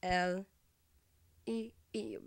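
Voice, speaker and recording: A woman's voice: mid-range voice, fairly even intonation, very slow, clear, resonant tone, no room sound. A woman vlogging casually into a microphone, goofy and rambling with frequent self-interrupting asides. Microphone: desk microphone.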